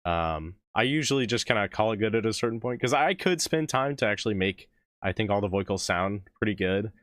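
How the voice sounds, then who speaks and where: A man's voice: lowish voice, expressive, fairly quick, dry recording, studio quality. A man who is losing his voice, hosting a music reaction live stream and chatting casually with viewers, rambling and laughing between thoughts. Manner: rambling, self-interrupting, laughs often.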